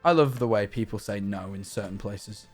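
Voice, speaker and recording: A young man streaming live, chatting in a rambling, animated, self-mocking way. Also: fairly low pitch, moderate pace, faint music behind. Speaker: livestreamer. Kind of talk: casual stream chat.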